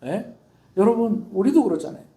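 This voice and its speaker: A middle-aged man preaching a sermon as a pastor, lively, swinging between loud bursts and hushed asides. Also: high voice, normal speed. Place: church. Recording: echoey church hall.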